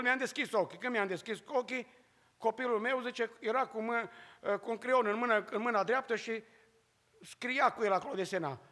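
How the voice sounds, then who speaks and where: A man from Romania preaching a sermon and telling a testimony, swinging between loud cries and hushed storytelling. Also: sits high. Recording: long hall reverb.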